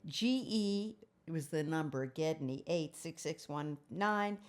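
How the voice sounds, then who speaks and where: A woman's voice: sits low, lively intonation, takes it slowly. A woman, chatting casually and reading a diary aloud in a rambling, candid way with self-mocking asides. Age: 70s. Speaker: host of an advice show.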